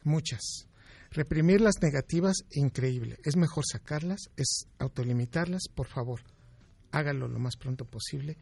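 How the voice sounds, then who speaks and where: Gravelly husky man advising. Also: a little high, moderate pace, a little mellow. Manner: emphatic, explains with examples. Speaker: doctor, expert guest. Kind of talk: interview answers giving advice.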